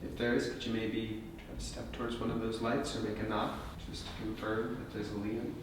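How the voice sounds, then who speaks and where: A man's voice: fairly low pitch, little pitch movement, a little fast. Distant man in a very echoey house. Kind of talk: casual chat and questioning. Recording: very echoey, distant mic, clear noise.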